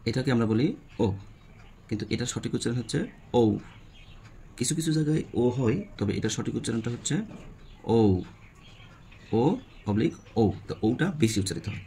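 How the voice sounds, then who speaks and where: A man's voice: mid-range voice, very fast, warm tone, slight background noise. A man with a Bangladeshi Bengali accent, teaching a spoken English lesson and checking in with his class. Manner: repeats questions to the class, frequent "হ্যাঁ?" checks.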